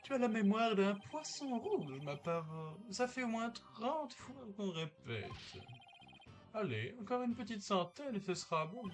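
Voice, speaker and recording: A woman's voice: medium pitch, very animated, unhurried, soft background music, pitched above the performer's own voice. A woman voicing a haughty, pompous man who scolds his servant, reading game dialogue aloud. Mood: scolding. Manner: sneering, condescending.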